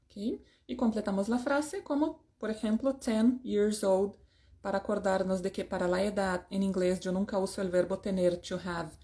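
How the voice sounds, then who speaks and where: A woman's voice: medium pitch, steady tone, moderate pace, dark tone. A woman from teaching an English lesson in a casual, chatty way, often checking in with "¿ok?" and poking fun at herself.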